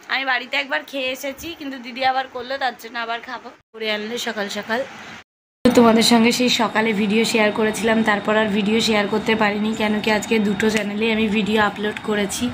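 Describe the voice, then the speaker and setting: Fast, chatty young woman vlogging from home. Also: on the high side, background noise. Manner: chatty, addresses viewers directly. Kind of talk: casual daily vlog chat. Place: at home indoors. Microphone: phone camera held by hand.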